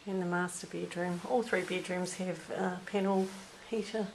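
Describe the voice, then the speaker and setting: A woman's voice: on the low side, steady tone, moderate pace, gravelly, darkish tone, slight background noise, low-quality recording. A woman with a New Zealand accent walks through an empty rental house on camera, listing its features one by one in a plain, unscripted way. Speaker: rental property agent. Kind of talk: unscripted property walkthrough narration. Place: inside and around a small empty house.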